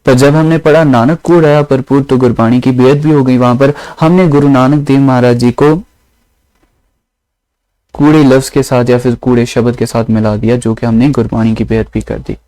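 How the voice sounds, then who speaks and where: Calm man teaching scripture grammar. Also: mid-range voice, no room sound, rough recording. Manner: slow, explanatory, repeats phrases with synonyms. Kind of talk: religious grammar lesson.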